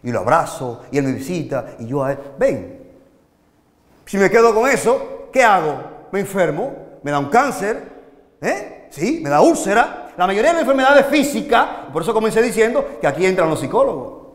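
In a hall full of long, echoing reverb, a man from the Dominican Republic delivers a sermon to a young audience. His voice sits high and moves a little fast, animated and full of rhetorical questions, swinging loud and soft.

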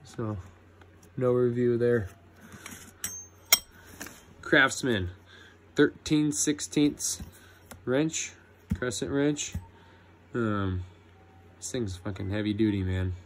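A young man, an electrician apprentice, showing his tools in a casual vlog, relaxed and cussing freely with lots of ums. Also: mid-range voice, very slow, long pauses, slight background noise. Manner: laid-back, swears a lot, many ums. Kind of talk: casual tool review vlog.

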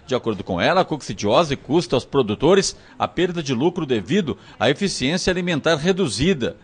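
A man's voice: a little high, big pitch swings, brisk, slightly rough. A man narrating a local news report in a formal reporting tone.

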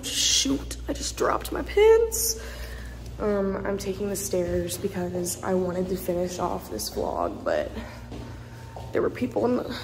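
A young woman narrates a casual vlog into her phone, speaking slowly and wandering from thought to thought. She sounds tired and a bit winded, and a faint background hum sits under her voice. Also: mid-range voice, a little mellow, rough recording. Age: young adult. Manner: chatty, rambling, tired. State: out of breath. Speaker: vlogger. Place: dorm stairwell and rooms.

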